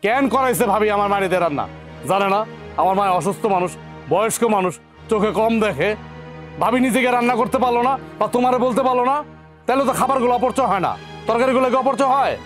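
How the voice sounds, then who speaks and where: A man's voice: high voice, quick pace, a bit bright. An actor playing an angry young husband who scolds his sister-in-law, with a colloquial Bangladeshi Bengali accent. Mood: indignant. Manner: indignant, scolding. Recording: with faint background music.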